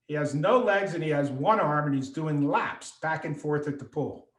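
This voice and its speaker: This middle-aged man, an author and speaker, has a fairly high voice and keeps a moderate pace as he narrates a story over a video call. Animated throughout, he performs the voices of the people he quotes, with the echo of his room audible.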